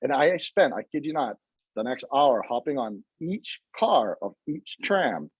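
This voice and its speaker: A man as a podcast guest, telling an animated story in casual chat and briefly putting on other people's voices. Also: mid-range voice, measured pace, breathy edge, no echo, lo-fi sound.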